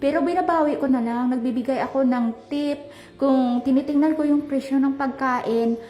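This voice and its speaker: A high-pitched young woman vlogs as she walks down a street, chatty and animated, calling out to her viewers often. The recording has an echoey, roomy ring. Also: normal speed, highs cut off. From Philippines. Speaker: travel vlogger. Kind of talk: casual vlog chat while walking. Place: outdoors on a street.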